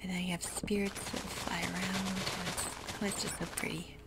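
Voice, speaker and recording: Keyboard clicks and a constant hiss underlie this close-miked, medium-pitched whisper from a gameplay ASMR host, mostly unvoiced breath with a fry-laden, gravelly edge when sound comes through. Like a laid-back game tour, the talk drifts gently, hesitant and stuffed with fillers and pauses.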